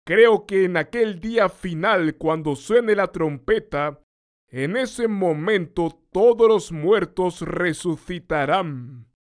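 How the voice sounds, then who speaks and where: A preacher speaking the lines of a grieving woman of faith in a solemn, measured way, close to his own voice. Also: high-pitched. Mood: earnest.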